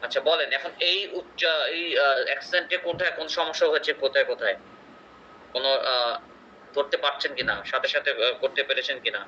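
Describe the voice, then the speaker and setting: A man's voice: medium pitch, fairly even intonation, fairly quick, sharp tone, dull audio, a little hiss or hum. A man teaching an online English pronunciation class in a conversational way, often checking in with his students.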